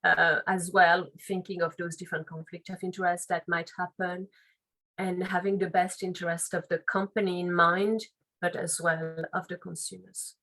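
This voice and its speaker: Low-pitched Frenchwoman, thoughtful interview guest. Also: flat delivery, normal speed, sharp tone, low-quality recording. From France. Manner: thoughtful, reflective, loose phrasing with restarts. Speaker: guest, legal and compliance officer. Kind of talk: interview answers.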